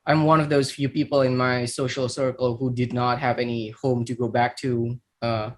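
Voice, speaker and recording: A man's voice: medium pitch, flat delivery, normal speed. A man in his thirties from Indonesia, with an Indonesian accent, telling his life story as a podcast guest. He talks reflectively, with many fillers and repeated words. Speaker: startup founder guest. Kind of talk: podcast interview, personal story.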